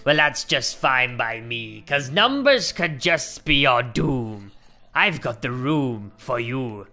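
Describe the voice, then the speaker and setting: A man reading a note aloud as a gruff pirate captain, in a drawling pirate growl. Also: mid-range voice, animated, takes it slowly, bright, forceful tone. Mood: mock menacing.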